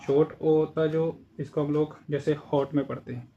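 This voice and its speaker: Indian man teaching, slightly high voice. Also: steady tone, normal speed, muffled recording, slight background noise. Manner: explains patiently, repeats example words. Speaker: German language teacher. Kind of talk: casual spoken lesson.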